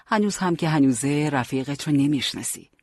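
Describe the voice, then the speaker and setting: A man voicing a brave, witty young male fighter who jokes and speaks earnestly, with a husky voice. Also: a little high, darkish tone, dry recording. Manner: joking, earnest.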